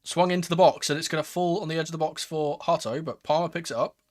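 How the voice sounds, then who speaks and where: A man hosting a live football watchalong, calling the play in a casual, excitable fan's manner. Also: a little high, quick pace. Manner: excitable, swearing, shifting from murmured play-by-play to raised exclamations. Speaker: host of a football watchalong stream. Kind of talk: live football commentary with casual fan reactions.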